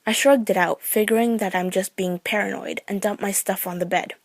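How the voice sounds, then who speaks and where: Woman narrator for a true scary story: mid-pitched, dry close recording, steady suspense. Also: brisk, no room sound.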